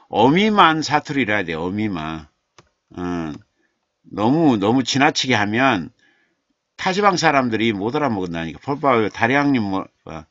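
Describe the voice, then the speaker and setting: A man's voice: lowish voice, fairly bright tone, dry recording, dull audio. A man hosting a live-stream writing workshop, coaching a poem's edits. He thinks aloud, repeats phrases and corrections, and presses his points. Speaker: literature teacher and streaming host.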